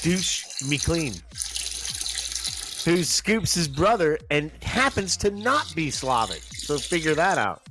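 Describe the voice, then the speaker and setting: A man's voice: on the high side, very animated, slow, background noise. Ranting man on a comedy podcast. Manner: ranting, escalating to near-shouts. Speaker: podcast co-host. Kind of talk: casual comedic banter.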